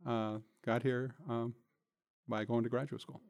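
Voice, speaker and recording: A gravelly, darkish mid-range voice delivers flat, unhurried answers: an older city manager nearing retirement, talking as an interview guest in a studio. He's conversational, reflective and plain-spoken, and the recording is dry.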